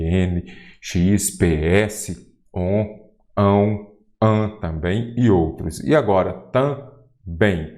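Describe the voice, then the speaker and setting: Man, Brazilian accent, middle-aged, low-ish voice, grammar teacher, exam walkthrough, rhetorical questions. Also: darkish tone. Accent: Brazilian Portuguese. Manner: rhetorical questions, drawn-out answers. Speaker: Portuguese teacher.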